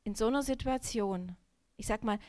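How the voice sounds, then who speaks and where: A woman in her thirties giving a personal testimony in a sermon, telling her story in a lively way, acting out her own thoughts and talking straight to the listeners. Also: on the high side, normal speed. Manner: direct, addresses the listeners.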